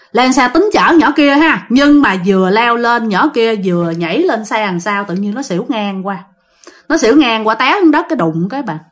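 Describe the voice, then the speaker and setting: A woman tells a ghost story in a casual, animated way, often addressing her listeners directly. Her voice sits fairly high and rises and falls with lively swings in pitch.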